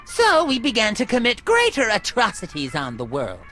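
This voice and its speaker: A self-important little ringleader of hell in a video game. The delivery is prim and officious with animated pitch, set over music. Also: moderate pace. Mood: haughty. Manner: officious, pompous. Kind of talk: video game character acting. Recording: music behind the voice.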